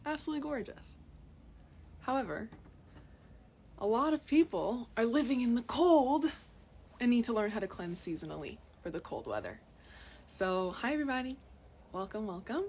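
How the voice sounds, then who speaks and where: Filming a live video on her phone outdoors in cold mountains, a young health vlogger from Massachusetts talks casually to her viewers, often repeating words for emphasis. Her voice is on the high side and a little mellow, with big pitch swings, a moderate pace, frequent pauses, and a little hiss or hum.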